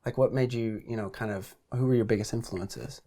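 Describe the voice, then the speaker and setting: A man's voice: medium pitch, steady tone, fairly quick, warm tone. A young man hosting an interview, asking questions in a casual, slightly hesitant way, seated in a book-lined study. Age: young adult. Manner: casual, a bit hesitant, with fillers. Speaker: host. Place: study lined with bookshelves, indoors.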